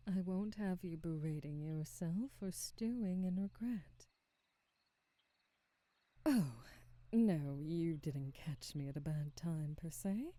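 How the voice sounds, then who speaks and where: In an ASMR roleplay, a woman voices a kind, centuries-old witch who runs a shop, sounding gentle, motherly, and wise in a soft, breathy half-whisper. Her lowish, natural voice uses measured, formal, soothing phrasing, gentle and composed, with no room sound.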